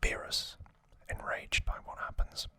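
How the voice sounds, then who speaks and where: A man whispers slowly and brightly as an ASMR host recapping a story. The whisper is breathy and unvoiced throughout, soft and unhurried, halting with pauses, and the recording is dry.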